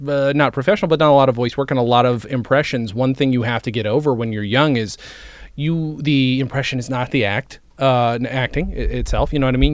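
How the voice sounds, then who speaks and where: A man hosting a casual podcast interview, enthusiastic and quick to swear. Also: medium pitch, no echo. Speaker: podcast host.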